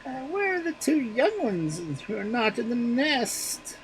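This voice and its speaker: A man voicing a blunt fairy-tale crow who scolds in a raised, sharp voice. The delivery is brisk and emphatic, and a faint hum sits behind it. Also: very high voice, sing-song, voice pushed up, heavily acted, poor audio. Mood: curious.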